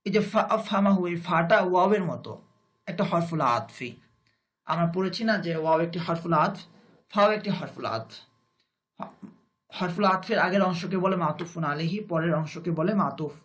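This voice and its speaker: Male teacher with a Bangladeshi Bengali accent, high voice, slow and deliberate, repeats phrases and then translates them. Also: a bit bright. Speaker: Arabic grammar teacher. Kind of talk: recorded grammar lesson.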